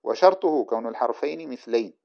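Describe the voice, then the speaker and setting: Male teacher, quick explanatory lecture delivery, muffled old recording. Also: medium pitch, lively intonation, creaky. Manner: brisk, explanatory, reads and comments on the text. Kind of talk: classroom lecture explaining a grammar text. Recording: dull lo-fi recording.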